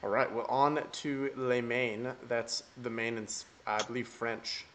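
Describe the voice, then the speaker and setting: A man's voice: mid-range voice, steady tone, unhurried, fairly bright tone. A man hosting a casual fantasy baseball podcast, jokey and emphatic, swearing casually. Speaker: fantasy baseball analyst host.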